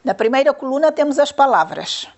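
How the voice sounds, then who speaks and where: A woman's voice: high voice, big pitch swings, a little fast. Patient woman teaching grammar to children. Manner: patient, repeats questions and counts syllables aloud. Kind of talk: grammar lesson to young pupils.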